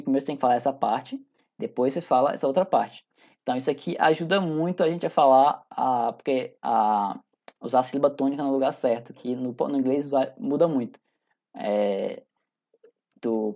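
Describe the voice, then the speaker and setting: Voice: medium pitch, a little fast, mellow. Brazilian teacher, thirties, informal recorded class, hesitant restarts, muffled lo-fi sound. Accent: Brazilian Portuguese. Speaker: English teacher. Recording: dull lo-fi audio.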